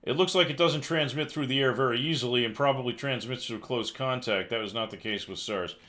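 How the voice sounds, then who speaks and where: A man's voice: medium pitch, fairly quick, sharp tone. A man hosting a casual live news commentary stream, reading headlines aloud and cutting in with sarcastic, exasperated asides. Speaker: livestream news commentary host.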